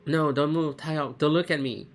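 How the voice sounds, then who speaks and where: A performer voicing a frightened, suffering little game girl who pleads haltingly. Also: mid-range voice, little pitch movement, fairly bright tone, natural voice. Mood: desperate. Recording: music behind the voice.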